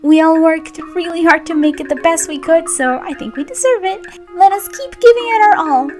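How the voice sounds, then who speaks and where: With music in the background, a young Brazilian Portuguese-speaking voice actress and channel host runs a casual fan Q&A, playful and giggly. Her very high voice moves at an ordinary pace, bubbly throughout.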